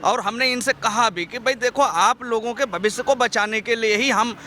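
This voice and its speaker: A man's voice: extremely high pitch, normal speed, sharp tone, a little hiss or hum. A man, a protesting monk, speaks, accusing and impassioned. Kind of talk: street interview. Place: outdoors by a street.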